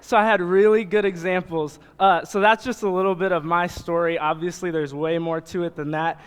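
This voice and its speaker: In a reverberant church hall, a young adult youth pastor from Nebraska talks to the congregation informally, cracking jokes in a conversational style. He has a high-pitched, smooth voice with a steady tone at normal speed.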